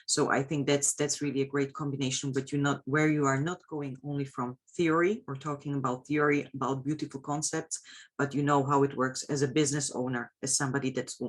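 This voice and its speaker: A woman's voice: rumbling low, little pitch movement, brisk. A woman hosting an online webinar over a video call, introducing her guest with many fillers and restarts. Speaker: webinar host.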